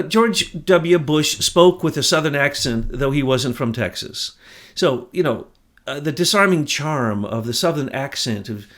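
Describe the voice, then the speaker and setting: A man co-hosting a political talk show, speaking in an indignant, emphatic way that rises to near shouts. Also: medium pitch. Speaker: podcast co-host. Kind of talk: heated political commentary.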